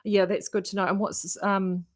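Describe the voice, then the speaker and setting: A woman's voice: mid-range voice, flat delivery, fairly quick. A woman with a broad New Zealand accent chatting casually to viewers in a rambling, self-interrupting way as host of a craft vlog. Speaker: knitting vlogger and yarn shop host. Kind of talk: casual chat to live viewers.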